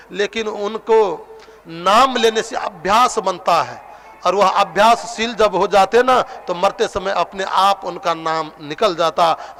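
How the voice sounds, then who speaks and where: A man's voice: sits high, a bit bright. A man preaching a devotional sermon from eastern India, telling a story and acting out its voices, with a few sung phrases. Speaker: katha preacher. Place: outdoor religious gathering with sound system.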